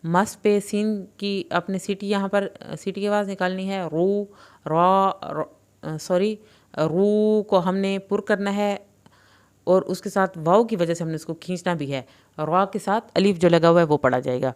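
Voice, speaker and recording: Female recitation teacher with an Urdu accent, crisp clear voice, explains then recites slowly. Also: mid-range voice, steady tone, a little mellow. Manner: clear explanations alternating with slow drawn-out recitation. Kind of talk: tajweed lesson, explaining and reciting.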